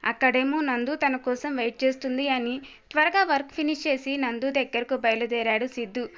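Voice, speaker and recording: A woman storyteller giving a steady, expressive scripted narration of a family story. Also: high-pitched, brisk, clear, resonant tone. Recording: slightly dull lo-fi audio.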